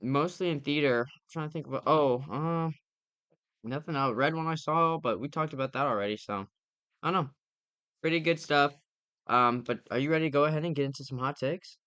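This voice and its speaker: A young man chats through his recent movie picks as a podcast co-host, opinionated and rambling with plenty of fillers. His voice is bright and crisp. It sits close and dry on the mic. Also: on the high side, fairly quick, dry recording. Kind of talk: casual movie review chat.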